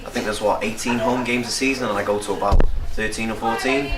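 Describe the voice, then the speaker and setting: Young Welsh rapper, echoey and distant. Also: male voice, on the low side, steady tone, quick pace. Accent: North Wales. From North Wales. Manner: chatty, rambling, laughs often. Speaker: upcoming rapper. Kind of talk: casual interview answers. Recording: echoey room from a distance with crowd noise.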